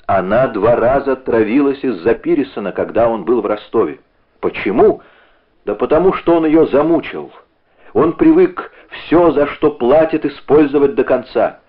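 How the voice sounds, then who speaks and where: A man voicing a tormented young man bent on revenge, confessing in halting, intense bursts. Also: lowish voice, expressive. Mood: fierce. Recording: narrow phone-like audio.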